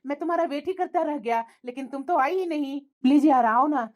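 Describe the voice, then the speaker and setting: A woman voicing a young man who pleads and wheedles with his girlfriend in an animated story. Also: high-pitched, fairly quick, pitched below the performer's own voice, close to an everyday voice. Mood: pleading.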